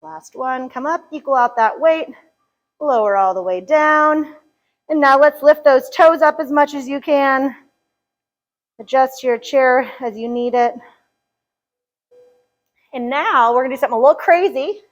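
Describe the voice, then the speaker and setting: A woman's voice: high-pitched, a little slow, pauses often, dull audio. A woman leading a live chair yoga class, upbeat and joking as she counts reps, a little out of breath at times. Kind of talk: live fitness class instruction.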